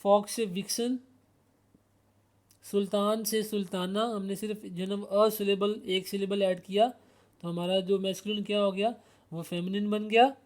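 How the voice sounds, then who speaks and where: A man's voice: high voice, steady tone, moderate pace. A man with a Pakistani accent teaching English grammar, explaining word pairs and asking himself rhetorical questions. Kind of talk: explanatory lesson.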